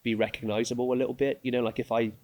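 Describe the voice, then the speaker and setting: A man's voice: mid-range voice, little pitch movement, rapid-fire, darkish tone. Chatty man with a neutral English accent. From England. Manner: chatty, laughs often, many fillers. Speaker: guest, real estate agent. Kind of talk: casual interview chat.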